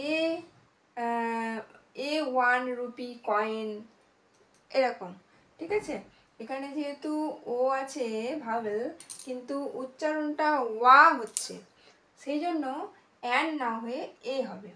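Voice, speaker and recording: A woman with a high voice teaches an English grammar lesson in Bengali. She goes slowly and patiently, repeats each example word and keeps asking whether it is clear. The room around her is echoey. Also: bright, forceful tone.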